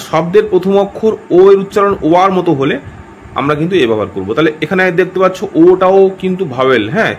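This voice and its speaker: A man with a high-sitting voice is teaching a grammar lesson, and there's a slight hiss or hum in the background. He checks in with his listeners often and repeats himself as he corrects his wording.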